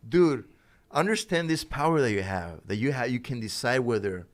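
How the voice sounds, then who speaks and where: A man talks in a relaxed interview as a boxer guest. He is animated, laughs often and drops Spanish phrases into his English. His pitch sits in an ordinary middle range. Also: moderate pace. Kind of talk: casual interview talk.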